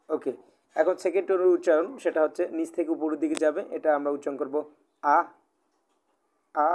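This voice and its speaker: Leading a live online Chinese class with an oral exam, a man with a Bangladeshi Bengali accent speaks in a slightly high, slightly mellow voice. Patient throughout, he keeps repeating and rephrasing, filling gaps with many "ah" sounds.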